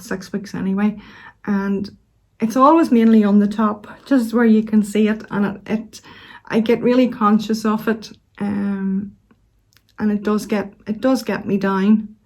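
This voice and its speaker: A woman in middle age speaks with a Northern Irish accent in a soft-toned, mellow voice. She chats casually to her viewers in a gentle, unhurried way, pausing as she finds her words. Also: medium pitch, little pitch movement. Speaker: knitting vlog host. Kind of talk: casual chat to camera.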